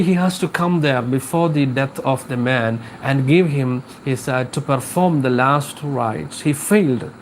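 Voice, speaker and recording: A man's voice: a little high, slight background noise, rough recording. A man teaching an English class live, explaining a poem with repetition and questions to his students.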